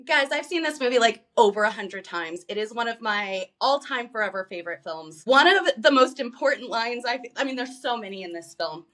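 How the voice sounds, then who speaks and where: A woman co-hosting a podcast in casual chat, animated, swearing freely and acting out lines from a movie. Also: fairly high pitch, fairly quick, few pauses. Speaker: podcast co-host.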